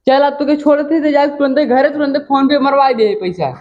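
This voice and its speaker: A man with an Awadhi accent playing a policeman in a rustic comedy sketch, giving gruff, bossy orders. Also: extremely high pitch, normal speed, no room sound, muffled recording. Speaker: comic actor playing a policeman.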